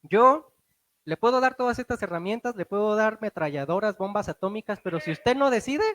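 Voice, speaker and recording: A man with a Mexican accent and a voice that sits high preaches a sermon with animation. He slows down and rises for emphasis while posing rhetorical questions to the congregation.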